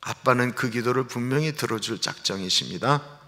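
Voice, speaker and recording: Man preaching, bright ringing voice, asks the room questions, long church echo. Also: mid-range voice, moderate pace. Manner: conversational preaching with rhetorical questions. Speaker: pastor. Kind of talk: sermon. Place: church sanctuary. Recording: livestream in a reverberant church hall.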